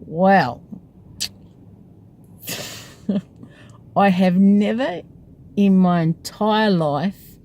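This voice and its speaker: A woman's voice: mid-range voice, extremely slow, pauses often, mellow. A woman taxi driver, telling a story from her cab in a chatty, wry way and laughing as she goes. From Australia. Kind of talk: casual storytelling vlog. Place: parked in her taxi at a rank.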